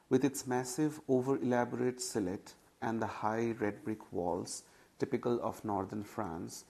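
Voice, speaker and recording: A man giving a literary memoir reading, measured and unhurried with careful phrasing. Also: on the low side, a little mellow. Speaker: audiobook reader.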